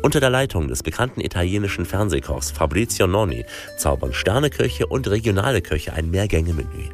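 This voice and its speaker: A man's voice: sits low, big pitch swings, a little fast, soft background music. A man hosting a radio travel program, giving a scripted narration with a playful, storytelling delivery. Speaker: radio host.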